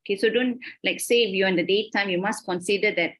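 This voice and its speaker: Quick-paced and fairly bright in tone, a Malaysian woman at medium pitch teaches a university lecture online over video call. She explains things carefully and checks in often with "okay?", speaking Malaysian English.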